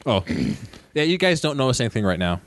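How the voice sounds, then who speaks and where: Guy running a tabletop game, super lively pitch, keeps cracking up, dry mic. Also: a little fast, dry recording. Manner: laughs often, loose and joking. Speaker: game master.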